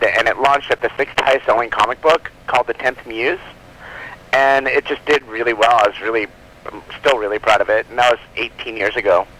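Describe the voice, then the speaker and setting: Pushed and bright in a mid-range register, this man's voice comes through a noisy phone call. He's a comic book publisher being interviewed, chatting loosely and rambling with plenty of "like" and "you know."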